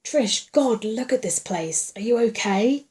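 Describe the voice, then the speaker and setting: A woman's voice: a little high, lively intonation, measured pace. A woman doing an urgent young cop. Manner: urgent, loud, barked orders. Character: tense young male cop, urgent and commanding.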